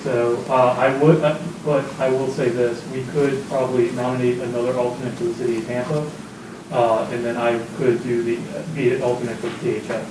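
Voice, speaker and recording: Man, board member, flat delivery, very echoey, far from the mic, noisy. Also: mid-range voice. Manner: plain, slightly halting, explanatory. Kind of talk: speaking at a board meeting. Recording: echoey distant room pickup, noisy.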